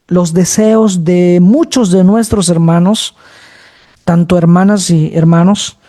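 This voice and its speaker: A man preaching a sermon, speaking slowly and moving between low, middle and high tones, often addressing his listeners as brothers. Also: warm tone.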